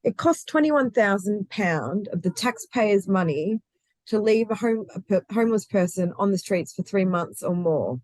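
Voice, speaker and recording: Her mid-range voice is animated and darkish, moving at a moderate pace with no echo. In this conversational interview, the guest, a recruitment founder, speaks passionately, keeps restarting her sentences, and laughs easily.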